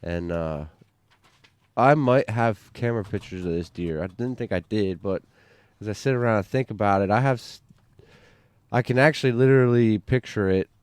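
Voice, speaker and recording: Deep-voiced man rambling about a hunt. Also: normal speed, clear, resonant tone, dry recording. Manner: rambling, with many fillers and restarts. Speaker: bowhunter on a hunting podcast. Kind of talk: casual podcast chat.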